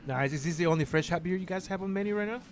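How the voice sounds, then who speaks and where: A man's voice: high-pitched, racing, a little hiss or hum. A man hosting a casual podcast chat, rambling and searching for words with lots of fillers. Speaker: podcast host.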